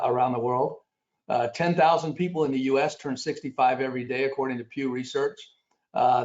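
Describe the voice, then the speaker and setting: A man with a raspy voice giving a conference presentation, pausing often with fillers as he reads statistics off his slides. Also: mid-range voice, a little mellow. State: raspy after illness. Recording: dull lo-fi recording.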